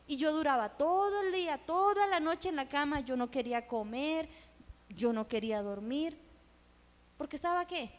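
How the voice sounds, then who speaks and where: A middle-aged woman and missionary giving an earnest testimony sermon in a church hall, asking her listeners rhetorical questions. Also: high voice. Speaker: missionary speaker at a church event. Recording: reverberant hall.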